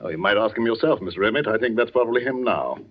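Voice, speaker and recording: An actor playing a worried village vicar and father in a 1940s radio drama, speaking with gentle authority and telling events earnestly. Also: on the low side, animated, fast, lo-fi sound, slight background noise, natural voice.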